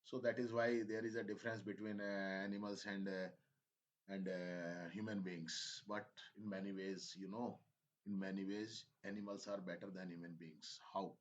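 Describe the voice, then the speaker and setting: Slow-speaking teacher, man. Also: deep voice, little pitch movement, lo-fi sound. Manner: mixes Hindi and English, coaxing and repetitive. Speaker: English teacher. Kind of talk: classroom listening lesson, slow dictation.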